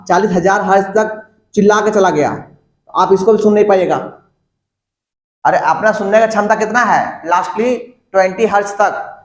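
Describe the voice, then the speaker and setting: A male teacher giving a classroom lecture, repeating and dictating terms to his students and asking them questions. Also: high-pitched. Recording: echoey classroom.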